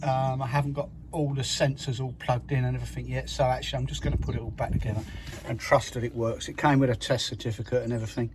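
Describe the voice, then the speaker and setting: A chatty van mechanic, out of breath, shows a repair in casual how-to talk, plain-spoken and full of fillers and restarts. His mid-range voice has little pitch movement, he speaks fast, and the background is noisy.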